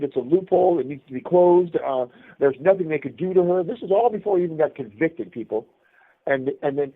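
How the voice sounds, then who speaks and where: Over a tinny prison phone connection, a man appearing as a podcast guest tells meandering, casual stories, often pausing and saying things twice. His fairly high voice comes through from a distance off the handset.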